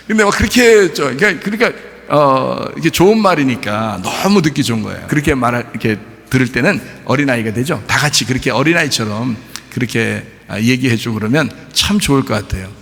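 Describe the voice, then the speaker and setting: A middle-aged male pastor preaching a sermon in a folksy, animated way, acting out quotes with laughter. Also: mid-range voice, brisk, vocal fry. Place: large church hall. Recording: reverberant church hall.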